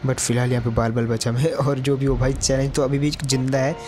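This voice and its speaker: Fast-talking man narrating his gameplay. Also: medium pitch, little pitch movement. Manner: chatty, calls the viewers "brother". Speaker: mobile game commentator. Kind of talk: casual gameplay commentary.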